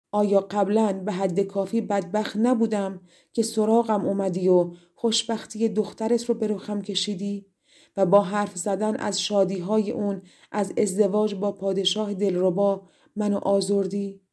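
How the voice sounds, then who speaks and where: A woman's voice: medium pitch, warm tone, lightly acted. A woman narrator voicing a young princess held captive in a fairy tale, grieving and spirited, exclaiming with feeling.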